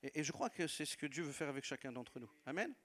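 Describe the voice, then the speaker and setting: The speaker, a man with a non-native French accent, preaches as a pastor in a church hall, his voice on the high side, animated and quick. He warmly tells stories of his church in a sermon testimony, laughing and repeating phrases along the way.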